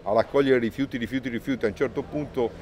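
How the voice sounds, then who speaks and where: A man, a fisherman speaking in a casual interview, halting and repeating himself. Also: mid-range voice, steady tone, poor audio. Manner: halting, repeats words, asks "hai capito?".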